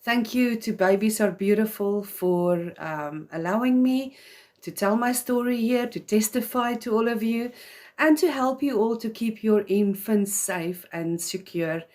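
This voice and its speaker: A mid-range, slightly mellow voice delivered a bit slowly belongs to a woman whose first language is Afrikaans. Speaking South African-accented English, she hosts a live video for mothers, earnest and conversational, with fillers throughout.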